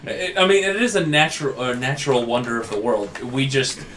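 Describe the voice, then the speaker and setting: A man of ordinary pitch riffs loosely on a podcast, drifting and sardonic. A faint noise floor sits under his voice. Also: animated, a little fast, a bit bright. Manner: rambling, sardonic. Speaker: podcast co-host. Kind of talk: casual chat.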